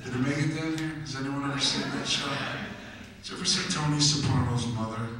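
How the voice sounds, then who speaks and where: A man's voice: medium pitch, fairly quick, heavy background noise. Chatty New Jersey man telling stories onstage. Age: 50s. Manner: chatty, joking, asks the crowd questions. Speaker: musician telling stories on stage. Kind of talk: live storytelling to an audience. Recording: echoey hall from far off.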